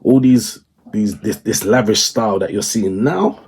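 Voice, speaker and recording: A man's voice: lowish voice, lively intonation, a little slow, darkish tone, slight background noise. A man in casual podcast chat, talking emphatically and often checking that the listener follows.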